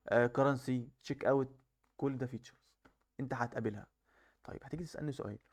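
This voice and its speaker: A young man with an Egyptian Arabic accent teaching software testing in a chatty way, talking straight to the viewer and mixing in English technical terms. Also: mid-range voice, vocal fry. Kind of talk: casual screen-share lesson.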